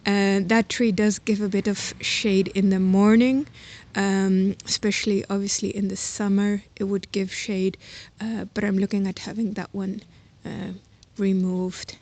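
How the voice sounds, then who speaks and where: Touring her own garden plot outdoors near her house, a woman thinks aloud in a casual, hesitant, unscripted way. Her mid-range voice has a darkish tone and little pitch movement, delivered at a measured pace with few pauses. The noisy recording, made on a handheld camera or phone as she walks, carries ambient sound.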